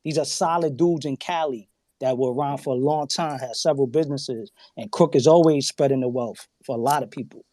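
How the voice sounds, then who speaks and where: A man's voice: medium pitch, a little fast, a little mellow, no room sound. A man on a podcast telling stories in a casual, profane way, acting out quoted dialogue and laughing often. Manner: profane, emphatic. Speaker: guest on a podcast.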